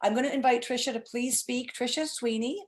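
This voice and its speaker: A woman's voice: a little high, fairly quick. Chatty, emphatic middle-aged woman hosting. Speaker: host, presenter. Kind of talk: informal webinar presentation.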